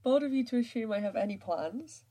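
Husky-voiced laid-back woman. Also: a little high, expressive, brisk, warm tone. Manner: laid-back, laughing, wry. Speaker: podcast co-host. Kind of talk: casual chat.

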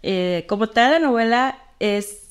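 A woman's voice: on the high side, measured pace, smooth. A young woman from Sinaloa, a writer chatting as a podcast guest, candid and self-mocking. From Sinaloa, Mexico. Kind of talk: casual chat.

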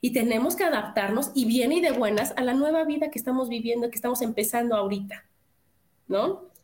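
A middle-aged woman with a Mexican accent, co-hosting a casual chat, talking in a lively way with many rhetorical questions. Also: a little high, a little fast. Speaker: co-host. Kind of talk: casual chat reading viewer comments.

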